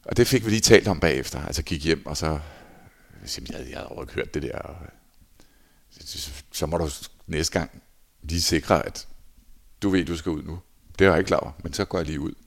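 Very deep, gravelly-voiced man telling stories. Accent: Danish. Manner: animated anecdotes, acts out shouted quotes. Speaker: former handball goalkeeper, guest. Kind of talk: casual interview storytelling.

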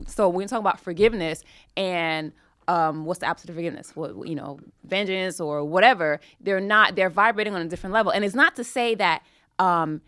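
A woman in a casual podcast discussion, halting and emphatic as she reasons aloud, repeating her words. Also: lowish voice, a bit bright, no room sound, clean studio sound. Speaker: podcast panelist.

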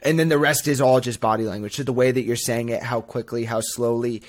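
Casting: male podcast co-host, reflective and hedging, medium pitch, easygoing. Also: steady tone, a little fast. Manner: thoughtful, hedging, self-deprecating humor. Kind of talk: casual podcast chat.

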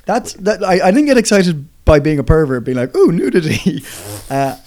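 A man's voice: on the high side, very animated, moderate pace, a little mellow. A young man co-hosting a podcast that teaches English through casual chat. He rambles, corrects himself mid-sentence and laughs often. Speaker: podcast co-host.

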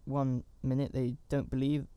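A man's voice: mid-range voice, little pitch movement, moderate pace, mellow, clean tone, dry recording. A man giving a casual, rambling recap of a horror movie, with chatty asides and fillers. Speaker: film reviewer.

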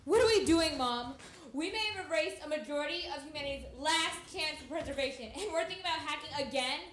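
A woman's voice: sits high, expressive, fast, fairly bright tone, slight background noise. A woman playing a despairing, bitter teenage daughter who hacks, in a stage play. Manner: bitter, exasperated. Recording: roomy stage sound.

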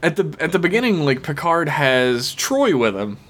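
A man co-hosting a podcast, giving a casual recap in a halting, hesitant way. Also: fairly high pitch, sing-song, a bit bright, slight background noise. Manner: hesitant, halting, frequent pauses. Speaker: podcast co-host.

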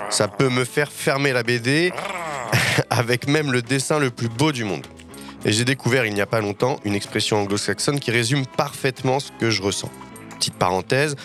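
A fairly low-voiced man reads his podcast column, opinionated and wry, with a self-mocking streak. Faint music sits underneath him. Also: a bit bright. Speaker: podcast critic.

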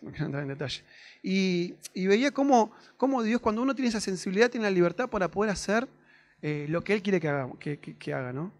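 Young Rioplatense man, high voice, casual testimony-style sermon. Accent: Rioplatense Spanish. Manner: conversational testimony, many fillers and tag questions. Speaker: preacher.

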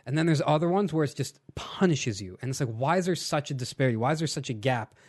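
A man's voice: medium pitch, animated, quick pace. A man hosting a casual gaming podcast, steering the talk with teasing questions. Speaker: podcast host.

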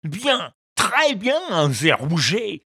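A man's voice: high voice, very animated, drawn-out words, pushed and bright, husky, dry recording, clean studio sound, voice pushed up, heavily acted. A man voicing a huge, greedy green fisherman who gloats and cackles in a sing-song way. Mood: gloating.

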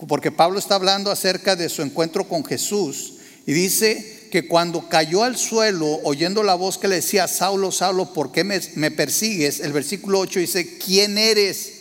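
A man's voice: high voice, in a large hall. A man preaching a sermon, asking the congregation questions and acting out quotes. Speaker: pastor.

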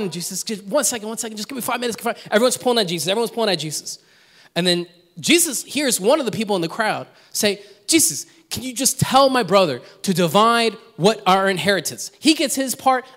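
A pastor delivers his sermon in a high, very lively voice, jumping into quoted lines and restarting his sentences as he goes. The sound carries a long reverb from a large hall. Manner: animated storytelling, acts out quotes, many restarts.

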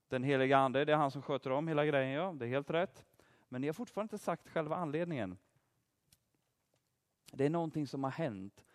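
A man giving an interactive Bible teaching, quizzing his listeners and praising their answers. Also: fairly high pitch. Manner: lively, asks the audience questions and praises answers. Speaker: preacher teaching a group.

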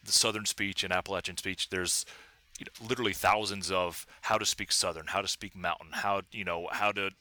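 A man talking as an academic researcher and interview guest, explaining in a halting, careful way. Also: low-pitched, fairly even intonation, sharp tone. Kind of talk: academic discussion.

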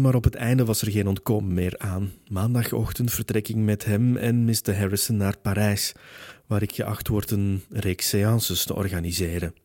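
A man voicing a gentle, persuasive Victorian spirit medium woman in an audiobook, with a soothing, reassuring manner. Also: on the low side, no room sound, studio quality, close to an everyday voice. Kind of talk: audiobook character reading.

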